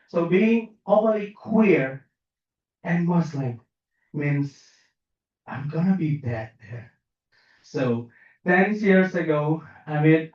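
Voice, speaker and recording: A man from Aceh in Indonesia gives halting, earnest personal testimony on a panel as an asylum seeker. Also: sits high. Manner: earnest, halting, with many fillers and restarts. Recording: echoey, distant, dull sound.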